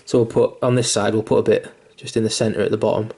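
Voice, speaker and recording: Casual and a bit rambling, a young man talks through painting miniatures with fillers, restarts, and the odd swear word, mildly self-deprecating and hiccuping all the while. He's a fast talker with a fairly low, mellow voice and little pitch movement.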